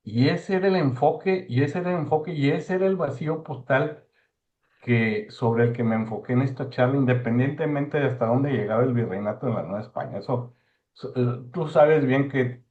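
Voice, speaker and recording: A man giving an informal talk, halting and repeating words for emphasis. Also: medium pitch, darkish tone. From Mexico. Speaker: speaker giving a talk on postal history. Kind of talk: informal lecture discussion. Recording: thin phone-like online call audio.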